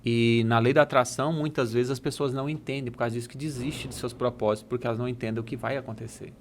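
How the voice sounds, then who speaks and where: A man with a Brazilian Portuguese accent speaks as a coach and guest, emphatic and a bit preachy, mixing chat with parables. His voice sits at a middle pitch, with faint noise in the background. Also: steady tone, fast talker. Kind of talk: casual chat with storytelling.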